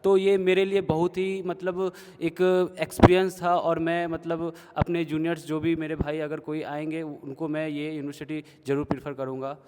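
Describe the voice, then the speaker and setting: Young guy from bihar, student, talks steady and earnest, pretty flat voice. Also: a little high, moderate pace, few pauses, noisy background. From Bihar, India. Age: 20s. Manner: earnest, steady, with many fillers. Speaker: third-year student. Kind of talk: casual interview answers. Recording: echoey room.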